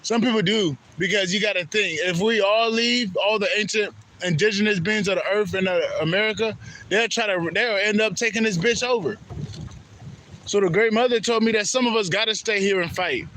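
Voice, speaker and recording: A Haitian man, a spiritual vlogger, delivers a rambling, profane, repetitive spiritual monologue. His voice is high, pushed and bright, his pace fairly quick, and there is slight background noise.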